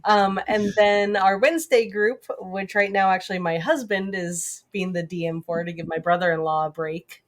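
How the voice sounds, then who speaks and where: A woman's voice: medium pitch, fairly even intonation, normal speed, few pauses, a little hiss or hum. A woman guesting on a podcast, chatting eagerly about her hobbies. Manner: chatty, enthusiastic about games. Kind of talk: casual podcast interview.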